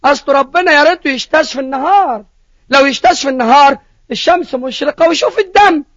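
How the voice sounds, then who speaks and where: A man's voice: very high-pitched, quick pace, fairly bright tone, dry recording, muffled recording. A man with an Egyptian accent voicing a frightened, tearful firstborn boy in a sermon. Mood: fearful. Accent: Egyptian Arabic. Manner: tearful, fearful pleading.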